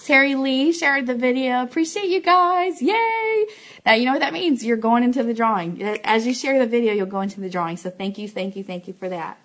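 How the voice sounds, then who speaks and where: Brisk and fairly bright, a woman with a higher voice and lively intonation hosts a fan live show in an office. She talks casually to viewers, delivering announcements and thanking them.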